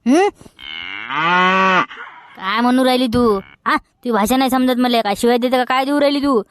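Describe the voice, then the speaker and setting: A woman's voice: high-pitched, normal speed. A woman playing a bantering Vidarbha village lad. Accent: Vidarbha Marathi. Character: young village man Khandu, shy. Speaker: comedy actor. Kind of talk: rural comedy sketch acting.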